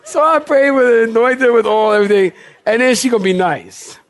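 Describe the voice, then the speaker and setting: A man preaching a live sermon in church, telling a lively story and acting out the people in it. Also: very high-pitched, brisk. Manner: animated, laughing, acts out voices in his story. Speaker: pastor. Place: church sanctuary, recorded live.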